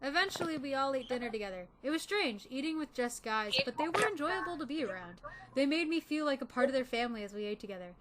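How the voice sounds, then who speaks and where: A woman's voice: high-pitched, lively intonation, fast talker, background noise. A woman reading a dating sim aloud and adding her own commentary in a giggly, chatty way. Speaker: game player and narrator.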